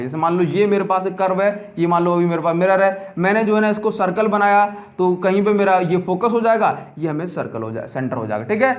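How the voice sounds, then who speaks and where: A man teaching a physics lesson, who keeps repeating key terms and asking his students whether they have understood. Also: high voice. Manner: mixes in English terms, asks and answers his own questions. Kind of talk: classroom lecture. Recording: dull lo-fi audio.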